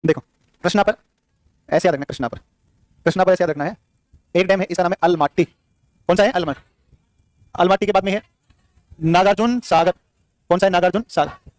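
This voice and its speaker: A man teaching geography in a live class, firing quick questions at students and repeating the answers, with playful scolding. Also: high voice, no room sound.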